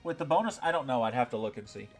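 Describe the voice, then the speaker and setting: Over soft background music, an American man talks very fast and animatedly in a mid-range voice on a gaming live stream. He's laid-back, reads chat aloud, and keeps tossing in tag questions like "right?".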